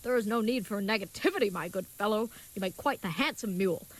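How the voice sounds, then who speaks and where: A woman acts in a scripted audio comedy as an earnest, naive, chivalrous young knight, using stilted and wordy politeness in an earnest, musing mood. Her medium-pitched voice sounds natural, she talks fast, and the audio is poor.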